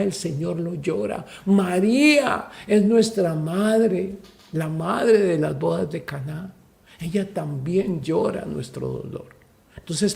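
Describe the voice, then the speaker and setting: Guy preaching hard, kinda high voice but dark and gravelly. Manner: emphatic, addresses listeners as brother. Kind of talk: preaching-style talk.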